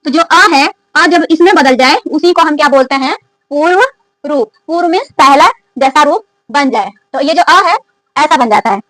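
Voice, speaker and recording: Woman, grammar teacher, very high voice, question-and-answer teaching, dry sound. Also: normal speed, a bit bright, no echo, poor audio. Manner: asks the class questions and answers them herself. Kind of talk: classroom-style grammar lesson.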